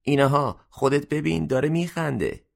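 A man's voice: sits low, gravelly. A man voicing an insistent old woman customer in a narrated story. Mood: excited. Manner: insistent, marveling.

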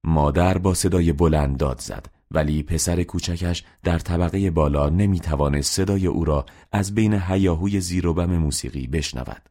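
A man reading a novel aloud as an audiobook narrator, in a steady, measured way. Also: sits low. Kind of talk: scripted narration.

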